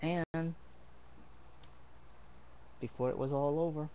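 A man's voice: a little high, steady tone, slow, warm tone, slight background noise. A man casually showing his swords in a home video, talking in an earnest, rambling way with many restarts. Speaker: martial arts hobbyist showing swords.

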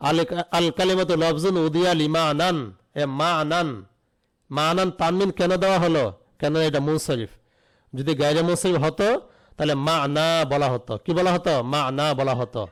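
A man's voice: fairly high pitch, poor audio. A man teaching an online Arabic grammar lesson, spelling out root letters and asking questions that he answers himself.

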